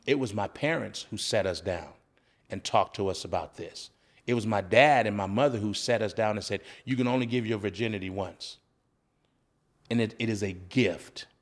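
A man who is a former coach, talking as a podcast guest in an earnest, preacher-like way, often asking rhetorical questions. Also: lowish voice. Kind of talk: conversational storytelling with preaching.

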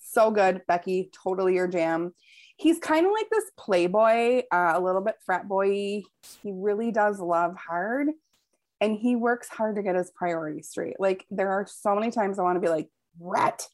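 A woman talking casually with friends about a book she loves, at a middle pitch. She sums up the story in a brisk, lively, conversational way. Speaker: podcast co-host pitching a book pick.

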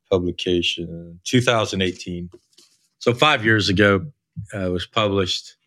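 An older man hosts a coaching podcast in an informal, explanatory way. His voice sits low and has a bright, firm edge. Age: older, baby boomer. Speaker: podcast host and leadership coach.

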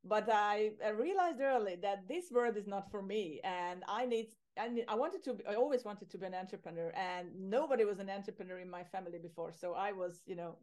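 A woman's voice: mid-range voice, fairly quick, few pauses, darkish tone. A middle-aged woman, talking casually as a podcast guest, laughing easily and often restarting her phrases. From Hungary. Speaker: podcast guest, agency owner. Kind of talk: casual interview conversation.

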